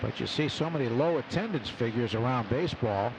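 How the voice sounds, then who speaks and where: A man calls live baseball play-by-play on the radio, his medium-pitched voice brisk and expressive. He works from an open broadcast booth at an outdoor ballpark, and the noisy broadcast is filled with loud stadium ambience.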